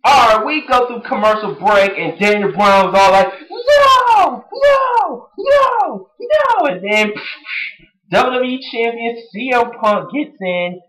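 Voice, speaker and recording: A wrestling show reviewer recapping an episode in a casual vlog, excitable and full of fan slang. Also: mid-range voice, unhurried, low-quality recording. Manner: excitable, breaks into song and impressions.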